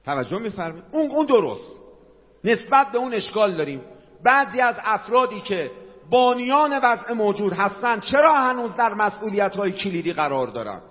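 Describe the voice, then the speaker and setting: A man's voice: sits high, sing-song. A middle-aged man from Qom with a Qom Persian accent preaching a sermon, passionate, asking rhetorical questions and quoting Arabic. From Qom, Iran. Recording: dull lo-fi sound with long hall reverb.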